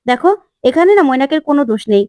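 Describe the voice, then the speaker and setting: A woman voicing a touchy young wife who snaps back quickly in a retold TV serial. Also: high voice, lively intonation, darkish tone, no room sound, studio quality. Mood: defensive. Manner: snapping, quick.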